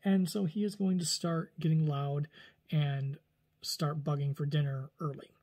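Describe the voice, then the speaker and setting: A man in his 40s films a relaxed vlog indoors in a small room at home, speaking unhurriedly in a fairly high voice. He rambles and gestures animatedly, often restarting and correcting himself as he addresses the camera.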